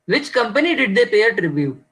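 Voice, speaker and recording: A man with an Indian accent hosting an online quiz over a video call. His audio is glitchy and corrupted, and it keeps breaking up and cutting out as he reads each question slowly. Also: sits high, big pitch swings, fairly bright tone, husky, low-quality recording. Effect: glitchy, corrupted audio that breaks up and cuts out. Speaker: quizmaster.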